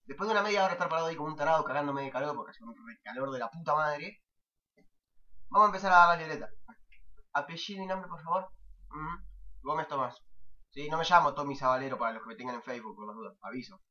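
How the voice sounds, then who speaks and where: A young man vlogging with an Argentine Spanish accent races through a casual story in an exasperated, profane rant. His voice is a little high with a sharp tone, and the recording is dull and lo-fi from a faraway mic.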